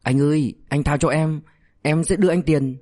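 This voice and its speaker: A man's voice: a little high, moderate pace, darkish tone, no echo, clean studio sound, voice pushed up, natural voice. A man voicing a frightened male drug dealer who pleads and stammers for mercy. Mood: begging. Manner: whiny, begging, stammering.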